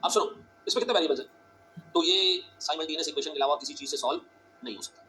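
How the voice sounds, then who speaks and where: A male teacher giving a classroom lecture, talking fast and urgently, repeating phrases and quizzing his students. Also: on the high side, expressive, bright, forceful tone, slight background noise.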